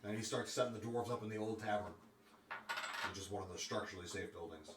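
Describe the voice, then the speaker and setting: A man narrating a tabletop game as game master in a casual, halting, sometimes profane way. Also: on the low side. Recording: roomy echo, faint background noise.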